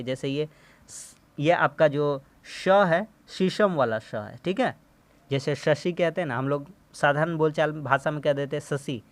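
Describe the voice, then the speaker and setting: A man's voice: a little high, dry recording. Teacher man drilling Hindi words. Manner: asks a question and answers it himself, drills words for repeating; friendly and reassuring, says "ठीक है भैया". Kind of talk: explaining a class 7 Hindi lesson.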